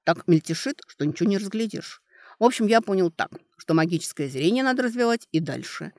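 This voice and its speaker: A woman voicing an eager young man who talks in an excited, rushed way, in an audiobook. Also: mid-range voice, dry recording, studio quality, close to an everyday voice.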